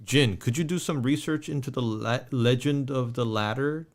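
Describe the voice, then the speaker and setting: A man co-hosting a relaxed movie review podcast at a mid-range pitch. He reads listener comments out loud and keeps stopping to restart his sentences. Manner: reads viewer comments aloud, halting, many restarts. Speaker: podcast co-host. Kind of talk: casual movie review chat.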